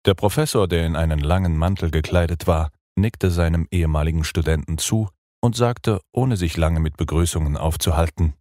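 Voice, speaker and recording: Deep bass male narrator, measured storytelling, dry booth sound. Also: warm tone, no room sound. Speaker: audiobook narrator. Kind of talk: scripted narration of a gothic novel.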